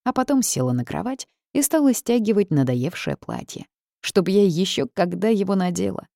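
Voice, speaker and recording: A woman reading a first-person story aloud, lively with wry asides. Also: fairly low pitch, gravelly, dry recording, clean studio sound. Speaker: audiobook narrator. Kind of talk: first-person audiobook narration.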